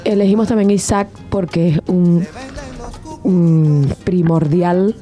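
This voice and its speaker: A woman with a Venezuelan accent, speaking thoughtfully in a casual interview, pausing and restarting as she searches for words. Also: on the low side, steady tone, mellow, soft background music. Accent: Venezuelan Spanish. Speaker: band member and guest.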